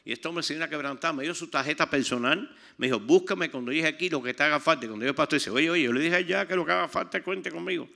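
An older Cuban man gives a sermon testimony in a Cuban Spanish accent, speaking fast with few pauses in a gravelly, fairly high voice. He tells his stories animatedly and acts out the people he quotes.

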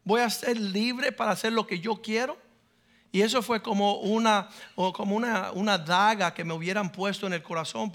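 A man in his thirties, a pastor preaching a sermon, who moves between slow, emphatic rising peaks and quieter, conversational storytelling. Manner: tells personal stories in a lower conversational tone.

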